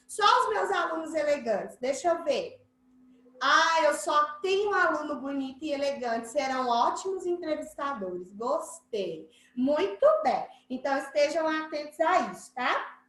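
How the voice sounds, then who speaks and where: A woman's voice: high-pitched, a bit bright, reverberant, poor audio. A woman teacher with a Brazilian accent explaining a lesson to children, playful and acting out examples. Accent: Brazilian Portuguese. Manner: playful, acts out examples in shifting voices. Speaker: schoolteacher. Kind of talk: online class explanation to children.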